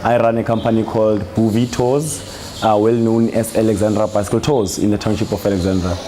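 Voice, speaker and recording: A South African man who runs a tour company, speaking in a documentary interview in a halting, deliberate way with repeated words. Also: fairly low pitch, level tone, mellow, slight background noise.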